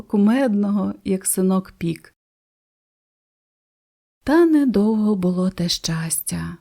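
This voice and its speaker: A woman narrating a fairy tale audiobook for children in a gentle, expressive way. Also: mid-range voice. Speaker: storyteller.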